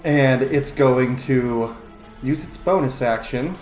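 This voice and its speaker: A man's voice: mid-range voice, slow pace, darkish tone. Male game master in a roomy space. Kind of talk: narrating a tabletop role-playing game. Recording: roomy echo, faint music underneath. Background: faint background music.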